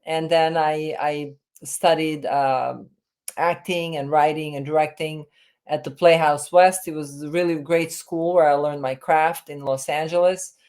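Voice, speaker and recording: A Serbian woman in her fifties, a film director and writer, appears as a guest in a remote interview, telling stories reflectively. Her voice is low with a darkish tone, and she speaks hesitantly, with many fillers and restarts.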